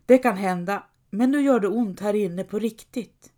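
A woman's voice: mid-range voice, dark tone, natural voice. A woman voicing a weary, plaintive male squire who grumbles and hesitates, in a read-aloud story. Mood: mournful. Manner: plaintive, complaining. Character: gloomy downcast male squire, weary and reluctant.

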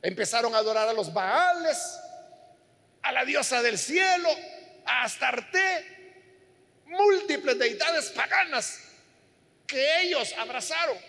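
A man's voice: very high voice, animated, slow, long pauses, sharp tone, in a large hall. A man preaching a sermon, telling a story earnestly and speaking directly to his listeners.

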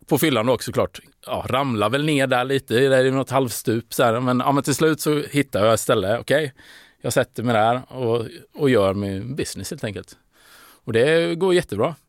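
A man's voice: mid-range voice, dry recording, studio quality. A man telling a long, rambling story on a podcast, full of fillers and restarts. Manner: rambling, hesitant, with fillers and laughing. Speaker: podcast guest. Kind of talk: casual storytelling.

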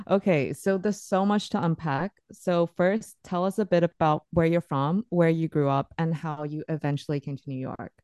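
A woman with a very low, mellow voice hosts a podcast. She talks in a chatty, enthusiastic way. Her voice sounds dry and close, with no room echo. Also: fairly even intonation, normal speed. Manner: chatty, enthusiastic, laughs easily. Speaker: podcast host. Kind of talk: casual podcast hosting.

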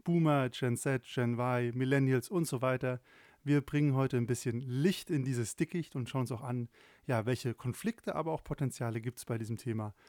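A man in his thirties hosts a podcast interview, his questions relaxed and chatty, with plenty of fillers and self-corrections. His voice sits at a middling pitch and sounds dry and close, with little room around it. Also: moderate pace, dry recording. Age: 30s. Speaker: podcast host.

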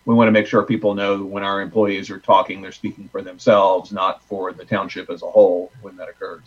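A man explaining a policy at a board meeting as a township trustee, in a halting, measured way. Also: low-pitched, little pitch movement, breathy edge. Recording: dull, muffled meeting audio.

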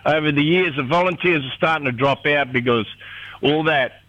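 Bright-voiced rural Australian man, laconic drawl. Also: on the high side, moderate pace, no room sound. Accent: rural North Queensland Australian. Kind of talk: casual radio chat. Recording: dull, lo-fi radio sound.

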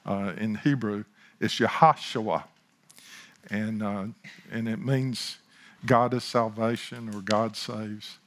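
A man's voice: fairly low pitch, fairly even intonation, takes it slowly. A man, praying and then preaching informally, with chuckling asides and restarts. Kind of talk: sermon with opening prayer.

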